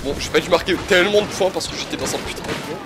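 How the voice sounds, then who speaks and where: High-voiced young man in animated banter. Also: racing. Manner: animated, self-mocking banter. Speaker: co-host. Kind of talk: casual gameplay commentary. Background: game music.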